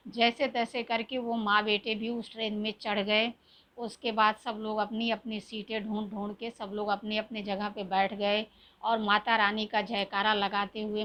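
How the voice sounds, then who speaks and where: A woman's voice: medium pitch, dull audio. Middle-aged woman, channel host, devotional storytelling, plain and conversational with fillers. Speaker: YouTube astrologer and storyteller.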